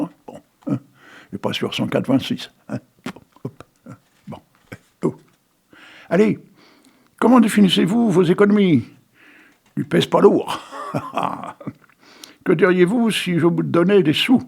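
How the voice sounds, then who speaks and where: Folksy French-accented male radio host, gravelly and husky, reads poems and puns between chatty asides. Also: fairly high pitch, darkish tone. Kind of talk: casual local radio reading.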